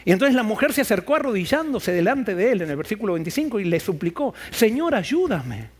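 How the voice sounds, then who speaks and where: A man's voice: sits high, animated, fast. A man preaching a sermon as pastor, firing off rhetorical questions and acting out the voices he quotes. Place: church.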